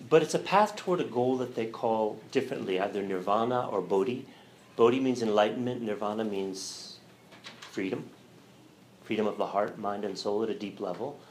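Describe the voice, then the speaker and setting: A middle-aged man, a religion professor, giving a relaxed, thoughtful lecture with fillers and a light sense of humor. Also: lowish voice, a little hiss or hum, low-quality recording. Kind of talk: lecture to a church audience.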